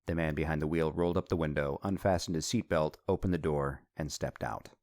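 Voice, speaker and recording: A man narrating an audiobook in a steady, measured reading. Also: rumbling low, dry recording, clean studio sound.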